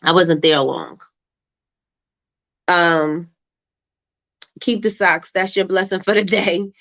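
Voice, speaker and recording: A woman's voice: fairly low pitch, steady tone, slow, fairly bright tone. A woman from Brooklyn with a Brooklyn accent, hosting a casual livestream chat in an informal, slangy way as she reads out and answers comments. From Brooklyn, New York. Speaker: livestream host. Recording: dull, lo-fi livestream audio.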